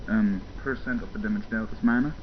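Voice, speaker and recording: A young German man rambles casually over gameplay footage, full of fillers and little chuckles. His voice is fairly low and a bit fast, captured by a muffled home mic along with game sounds and slight background noise.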